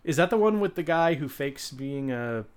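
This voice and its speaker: A man's voice: fairly high pitch, animated, normal speed, smooth. A man co-hosting a podcast in casual chat, rambling and joking with many restarts. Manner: rambling, jokey, lots of restarts. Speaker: podcast co-host.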